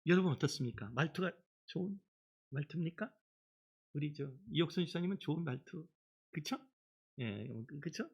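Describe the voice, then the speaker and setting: A middle-aged man preaching a children's Sunday sermon as pastor, in an animated storytelling manner. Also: a little high, normal speed, pauses often, husky, lo-fi sound. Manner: animated storytelling, acts out quoted voices. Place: church sanctuary.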